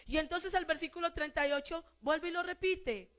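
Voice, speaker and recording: Colombian woman pastor, high voice, preaches by firing questions at the congregation. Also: moderate pace, fairly bright tone. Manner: asks the congregation repeated rhetorical questions. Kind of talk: sermon.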